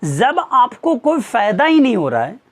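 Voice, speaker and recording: A man's voice: extremely high pitch, wildly swooping pitch, unhurried. A man, a teacher, earnestly lecturing his students with pointed rhetorical questions. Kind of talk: motivational talk to students.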